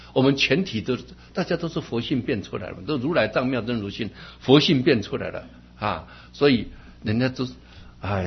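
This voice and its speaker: A man's voice: lowish voice, slightly rough. A man teaching Buddhist practice in an earnest, repetitive way, sometimes chuckling at his own jokes. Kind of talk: dharma talk. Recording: dull lo-fi recording.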